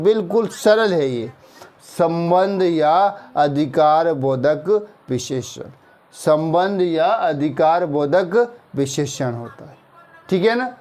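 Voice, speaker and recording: A man with a Hindi accent teaching English grammar, explaining slowly and checking in with the class after each point. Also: a little high, a little mellow. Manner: slow explaining, drawn-out example sentences, frequent "theek hai na" checks. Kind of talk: classroom-style grammar lesson.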